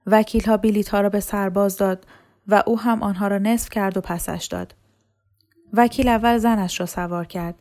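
A woman storyteller reading a novel aloud in a steady, measured way. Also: medium pitch. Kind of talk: scripted narration of a novel.

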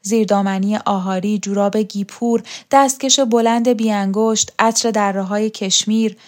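A proud, worldly older woman speaks in a storybook, her manner wry and reflective as she recalls the past. A woman voices her in her own even reading voice. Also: mid-range voice, close to an everyday voice. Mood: reminiscing. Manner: reflective, mocking.

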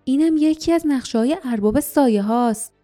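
A woman's voice: sits high, warm tone, soft background music, voice pushed up, lightly acted. A woman voicing an earnest, worried young male hero in a storybook reading, reasoning urgently.

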